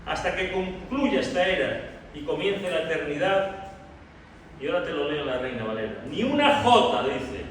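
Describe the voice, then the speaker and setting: A high-voiced man from preaches to his congregation, drawing out key phrases for emphasis and calling them brothers. His voice rings through a very echoey church hall. The mic sits well away from him, with a faint hiss behind. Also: expressive, moderate pace, far from the mic. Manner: addresses the congregation directly as brothers. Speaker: pastor. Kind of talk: expository sermon.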